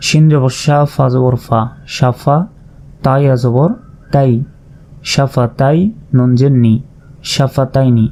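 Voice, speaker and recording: A man's voice: medium pitch, fairly even intonation, slow pace, long pauses, mellow. A man teaching Quran reading, spelling out letters and vowel marks one by one, then drawing out the sounds. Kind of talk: slow step-by-step recitation lesson. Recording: slightly dull lo-fi sound.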